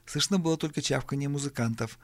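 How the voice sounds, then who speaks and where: A man reading an audiobook in a measured, lightly ironic storytelling manner. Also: on the high side. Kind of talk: audiobook narration.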